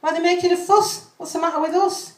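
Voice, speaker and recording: A woman poet reciting in a slow, deliberate way, pausing between short phrases at an open mic. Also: very high voice, fairly even intonation, recorded from a distance, a little hiss or hum. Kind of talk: slow, measured poetry recital. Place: live open mic room. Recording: echoey room, off the mic.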